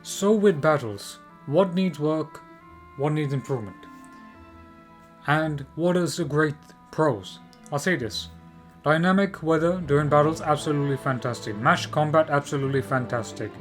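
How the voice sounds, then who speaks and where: Emphatic higher-voiced man over clear music. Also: normal speed. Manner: emphatic and repetitive, with rhetorical questions. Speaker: video game commentator. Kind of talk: opinion commentary on a game preview.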